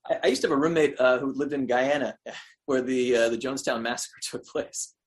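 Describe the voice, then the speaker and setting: A man with a mid-range voice co-hosts a casual podcast and talks quickly. He sounds eager and often stammers and restarts as he builds his point. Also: mid-range voice. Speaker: podcast co-host. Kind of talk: casual chat about a cartoon.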